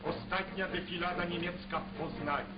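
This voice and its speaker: High-voiced man narrating an old newsreel. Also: fairly even intonation, moderate pace. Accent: Polish. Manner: solemn declamatory delivery. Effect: old newsreel sound. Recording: lo-fi distant 1940s newsreel soundtrack, echoey. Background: loud music score.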